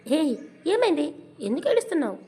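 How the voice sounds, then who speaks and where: A woman voicing a young husband who talks to his wife in a gently teasing, amused way. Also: high-pitched, sing-song, fast, voice pushed up.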